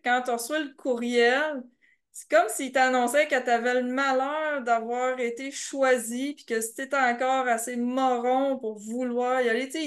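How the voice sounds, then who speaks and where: A young adult woman with a Québécois French accent, telling race stories as a podcast guest, laughing often. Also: high voice. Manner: animated storytelling, laughs often, many fillers. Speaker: podcast guest, ultra trail runner. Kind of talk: casual interview chat.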